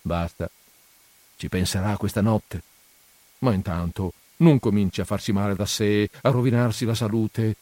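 Un uomo che interpreta una governante curiosa e insistente, tra suppliche e rimproveri, in un audiolibro. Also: male voice, lowish voice, normal speed, a little mellow, dry recording, close to an everyday voice. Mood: scolding. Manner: pressing, coaxing and scolding. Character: nosy, insistent middle-aged housekeeper woman.

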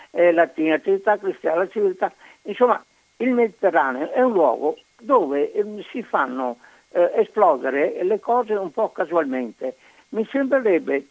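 A man from Padua calling in to a radio show over the phone, talking haltingly and searching for his words. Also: on the high side, no room sound. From Padua, Italy. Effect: caller heard over a phone line. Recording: dull lo-fi phone line.

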